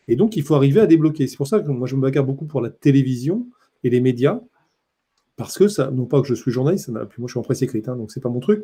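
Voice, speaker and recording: A man's voice: mid-range voice, mellow, breathy edge. A man, a print journalist, giving a conference talk in an impassioned, emphatic way.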